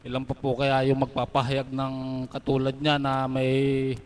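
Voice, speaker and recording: A man leading a church service in a measured, formal way, thanking speakers and inviting the congregation. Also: mid-range voice, monotone, a little hiss or hum. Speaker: worship service leader. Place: church gathering.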